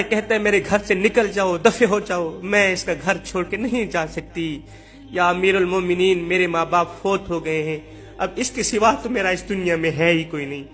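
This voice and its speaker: A man's voice: high voice, fairly bright tone. A man voicing a grieving, mistreated young wife who pleads tearfully and repeats herself.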